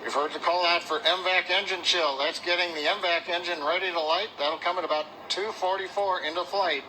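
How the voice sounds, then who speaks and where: High-voiced male launch commentator. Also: steady tone, a little fast, bright, forceful tone, low-quality recording. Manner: explanatory. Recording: clear noise behind live commentary.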